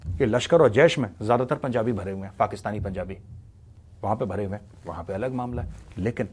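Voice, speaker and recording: A man giving blunt, scornful political commentary, mixing in English phrases and reading quotes out slowly. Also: fairly low pitch, a little mellow, husky. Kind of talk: opinionated commentary.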